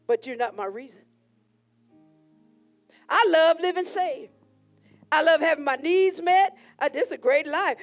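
A woman preacher delivering an impassioned sermon prayer, fervently repeating phrases in a rising cadence. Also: sits high.

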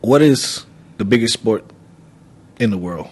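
A man co-hosting a casual podcast, making his points patiently between steady agreement. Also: on the low side, unhurried, husky. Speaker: podcast co-host.

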